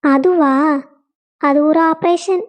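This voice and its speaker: A woman's voice: very high voice, fairly even intonation, slow pace. A woman voicing a caring young wife who soothes her husband, with a Kongu Tamil accent. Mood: teasing. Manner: soothing, pleading.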